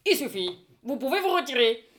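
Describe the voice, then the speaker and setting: A woman plays a pompous, mock-solemn French husband who sits in judgment on his maid. Her voice sits a little high and swoops all over. It is a live stage reading. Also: big pitch swings, fairly quick, a bit bright. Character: indignant middle-aged husband judging his maid.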